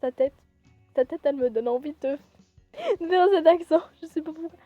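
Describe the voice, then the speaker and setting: A woman's voice: high voice, moderate pace, no echo, narrow, tinny audio, soft background music. A woman giving casual, giggly commentary while playing and reading a visual novel aloud, with self-mocking asides.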